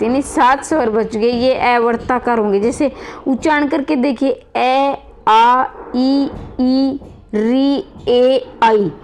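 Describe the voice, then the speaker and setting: A woman's voice: sits high, slight background noise. A woman teaching grammar to students in a classroom-style lesson, calling them children, repeating points and asking rhetorical questions.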